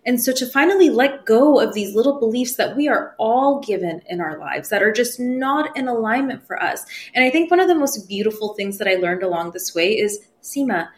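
Speaking briskly with hardly any pauses, this woman's animated voice sits on the high side. She's in her 30s, her language was Farsi, and she's a spiritual medium guesting on a podcast, sharing personal stories casually, laughing easily and performing the voices she quotes.

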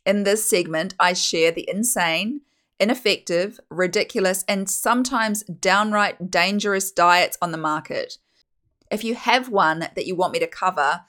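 A woman's voice: lowish voice, fairly bright tone. A woman with a broad New Zealand accent hosting a casual solo podcast in a blunt, opinionated, emphatic way. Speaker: podcast host.

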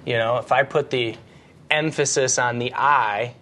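Measured man stressing key phrases. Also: medium pitch, fairly even intonation, sharp tone. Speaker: podcast co-host. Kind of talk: casual leadership podcast chat.

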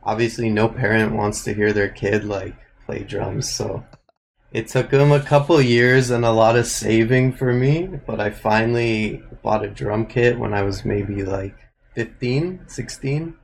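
A young man from Canada, a music producer answering interview questions in a relaxed way, thinking aloud with lots of fillers. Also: lowish voice, unhurried, gravelly, slight background noise, rough recording.

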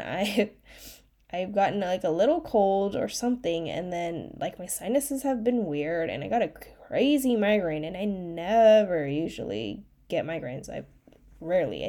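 A young woman, a life coach, hosts her own casual solo podcast, chatting and rambling in a mellow, mid-range voice that sounds nasal from a cold.

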